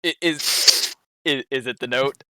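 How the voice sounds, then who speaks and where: A man's voice: medium pitch, unhurried, pushed and bright, a little hiss or hum. A man narrating a tabletop game casually as the game master.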